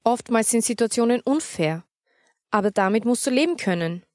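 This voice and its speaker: A patient storybook mother speaks calmly and firmly, with a gently teasing edge, as a woman reads her. The sound is dry and close. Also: a little high, normal speed, dry recording, lightly acted. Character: patient, wry mother, calm and firm.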